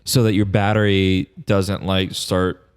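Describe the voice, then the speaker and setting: Low-voiced jokey Texan man. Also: level tone, measured pace, clean tone. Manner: jokey, rambling, breaks into silly impressions. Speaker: podcast co-host. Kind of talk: casual chat.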